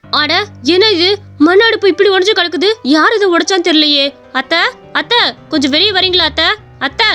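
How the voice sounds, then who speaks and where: A woman voicing a hardworking elder daughter-in-law in a cartoon story, shrill and protesting. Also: fairly even intonation, quick pace, fairly bright tone, faint music behind. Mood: indignant.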